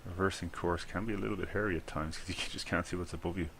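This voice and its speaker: Fast and creaky, this low-pitched male voice keeps a steady tone over a noisy background. It belongs to an Irish gaming video creator giving casual commentary to himself as he plays, rambling and laughing at his own mistakes.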